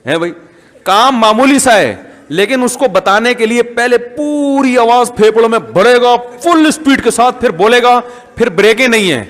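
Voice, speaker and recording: A man's voice: very high voice, expressive, a bit bright. A man with a Pakistani Urdu accent giving a humorous, rhetorical reformist sermon as an Islamic scholar. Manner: humorous, rhetorical, mimics voices. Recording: long hall reverb.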